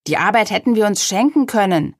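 A woman's voice: low voice, measured pace, no room sound, clean studio sound. A woman voicing a grumbling little male apple man in a storybook reading, with a scolding, suspicious manner.

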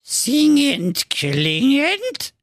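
A man's voice: very high-pitched, wildly swooping pitch, very slow, creaky, no echo, clean studio sound, pitched above the performer's own voice, full character voice. A man voicing a grumpy, sly, evil male dwarf in a comic fairy tale, with a grumbling manner.

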